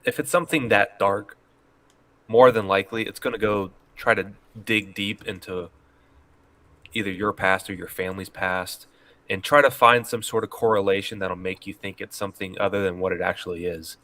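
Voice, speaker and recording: Bright-voiced man asking probing questions. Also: fairly low pitch, fairly even intonation, normal speed, no room sound. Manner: probing questions, speculative explanations. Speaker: host. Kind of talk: casual interview chat.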